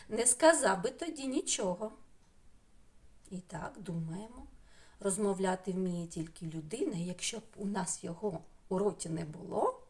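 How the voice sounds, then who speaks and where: A woman with a Ukrainian accent teaching young children online, stretching out syllables in a sing-song way. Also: medium pitch. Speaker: preschool teacher.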